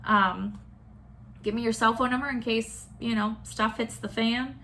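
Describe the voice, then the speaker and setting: A woman's voice: fairly high pitch, fairly even intonation, measured pace, pushed and bright, a little hiss or hum. A young adult woman, a nurse practitioner, talking candidly and casually to a school class, with many fillers and restarts.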